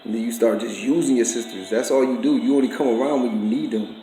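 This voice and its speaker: A man's voice: mid-range voice, fast talker, warm tone, faint music behind. Profane ranting man in echoey room. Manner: profane, accusatory, streetwise slang. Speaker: vlogger. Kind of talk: confrontational rant to camera.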